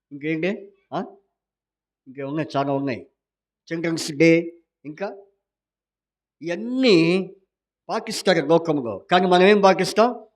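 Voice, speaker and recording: Pastor, male, higher-pitched; interactive sermon that quizzes and teases the congregation. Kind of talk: Sunday sermon with call-and-response. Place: church hall.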